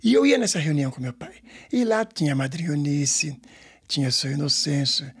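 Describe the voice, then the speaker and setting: A man's voice: fairly high pitch, big pitch swings, a little fast. A man in his sixties from Brazil with a São Paulo Portuguese accent, a samba school director telling stories in a rambling way with many repeats and tag questions. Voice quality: gravelly and husky. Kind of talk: storytelling interview.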